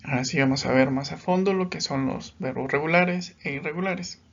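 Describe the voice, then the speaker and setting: A man's voice: a little high, brisk, vocal fry, muffled recording. A man teaching English grammar in a recorded lesson, patient and step by step, often checking in as he explains.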